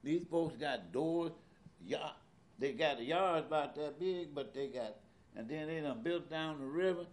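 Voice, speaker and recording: Older man, animated and talkative. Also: on the high side, unhurried. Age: 70s. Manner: animated, repeats words, loose colloquial grammar. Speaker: interviewee. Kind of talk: casual conversation.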